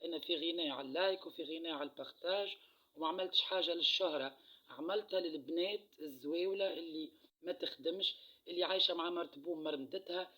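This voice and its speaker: A Tunisian man talks through a card reading in a casual, repetitive monologue. His voice sits a little high and carries a husky rasp. He speaks quickly, and his phrases often fade to a quiet murmur at the end. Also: low-quality recording. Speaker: card reader.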